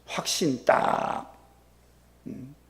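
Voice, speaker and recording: A man preaching a sermon as pastor, acting out quoted prayers with sudden loud bursts and soft drops. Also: extremely slow.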